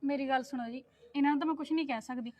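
A woman's voice: high voice, steady tone, rapid-fire, crowd noise, natural voice. A woman playing a young wife who protests her innocence to her in-laws. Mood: pleading. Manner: pleading, protesting.

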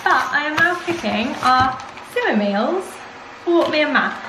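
A woman's voice: high voice, lively intonation, a little slow. Chatty woman vlogging, roomy sound. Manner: chatty and enthusiastic, many likes and literallys. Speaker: lifestyle vlogger. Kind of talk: casual vlog chat to camera. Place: home and shops, indoors. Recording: roomy sound, distant mic, clear background noise.

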